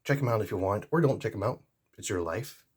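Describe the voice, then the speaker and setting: A man's voice: lowish voice, lively intonation, fairly quick, a little mellow, breathy edge. A man reviewing pocket pliers in a casual, rambling vlog. He is easygoing, with many fillers and restarts. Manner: jokey sign-off.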